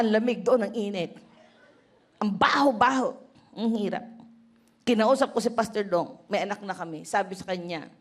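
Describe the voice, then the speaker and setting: A middle-aged woman pastor, giving an animated testimony sermon. She moves from laughing and shouting to soft, low tones.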